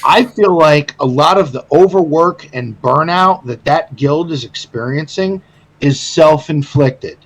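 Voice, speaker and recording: A man co-hosting a casual gaming podcast, animated and swearing freely, often stammering and restarting. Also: on the high side, a little slow, rough recording. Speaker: podcast co-host.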